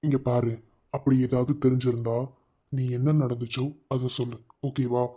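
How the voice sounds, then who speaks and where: A young husband from a cartoon love story, voiced by a man. He talks in a mid-pitched voice. He teases one moment and coaxes gently the next. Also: flat delivery, normal speed, husky, natural voice. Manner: teasing, coaxing. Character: young husband abroad, teasing yet reassuring. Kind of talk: cartoon voice acting.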